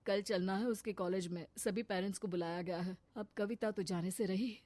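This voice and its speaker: A firm family man in a cartoon drama, scolding in a plain, steady way, at a middle pitch, as a woman voices him. Nothing about the voice stands out beyond its firmness. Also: moderate pace, no echo, natural voice. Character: middle-aged husband and father, firm.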